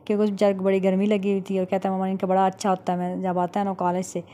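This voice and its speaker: Middle-aged woman, Punjabi Pakistani accent, mellow chatty voice-over, faint hiss behind. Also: medium pitch, completely flat delivery, racing. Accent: Punjabi Pakistani Urdu. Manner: chatty, matter-of-fact, recounting haggling. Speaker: vlogger. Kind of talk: casual voice-over narration.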